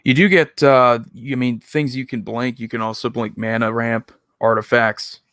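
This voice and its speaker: Man, mid-pitched, casual reaction commentary, rambling, self-critical, dry sound. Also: steady tone, moderate pace, fairly bright tone, no echo. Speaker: video host reacting to own old videos.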